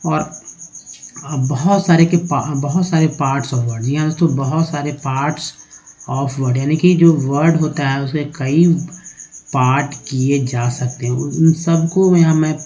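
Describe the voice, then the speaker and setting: A man teaching an English reading lesson, explaining slowly and counting letters aloud in a quiet voice. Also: medium pitch. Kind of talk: screen-recorded lesson. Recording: dull, lo-fi sound.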